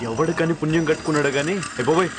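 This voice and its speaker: A man's voice: fairly high pitch, rapid-fire, music in the background, close to an everyday voice. An actor as a lovestruck young man. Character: lovestruck young man, downcast after a failed interview. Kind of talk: film dialogue.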